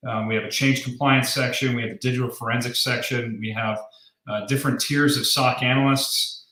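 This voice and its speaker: A man's voice: medium pitch, fairly even intonation, a little fast, bright, forceful tone, roomy sound. A man giving an informal, explanatory recruiting presentation to a group on a call, as a recruiter listing open positions.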